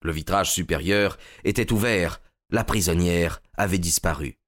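Man reading a story out, measured and dramatic, lowish voice. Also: a bit bright. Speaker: narrator. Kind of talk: scripted storytelling narration.

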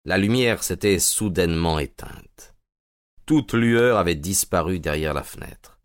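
A man narrating an audiobook in a steady, measured way. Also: deep voice, no echo, studio quality.

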